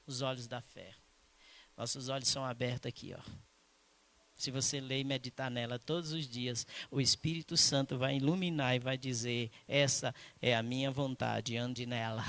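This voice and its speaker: Preaching in a church, a man in the pastor's role speaks at medium pitch, recounting a personal story emphatically before easing into a slow, hushed prayer.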